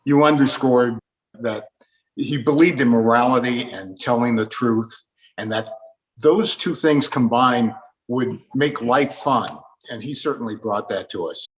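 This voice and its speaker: A man hosts a reflective radio tribute interview, asking guests to share their memories. His voice is medium-pitched and a little slow, and the audio is poor.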